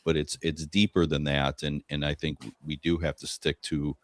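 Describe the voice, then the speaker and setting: A man's voice: rumbling low, level tone, moderate pace. A man hosting an interview, talking conversationally with stammered restarts. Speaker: host. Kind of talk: casual interview talk.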